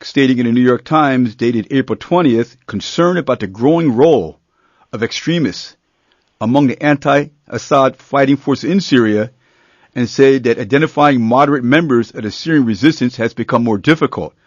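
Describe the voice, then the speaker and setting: A man's voice: medium pitch, normal speed, no room sound. Hesitant male radio host, dull sound. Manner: relaxed, hesitant, many fillers. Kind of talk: live radio hosting.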